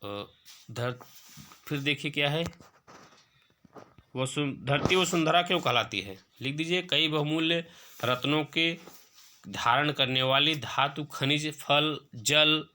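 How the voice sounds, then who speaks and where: Bright-voiced man teaching an exam lesson. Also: a little high. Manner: reads questions aloud, then explains and dictates answers; slow, drawn-out recital when reading verse.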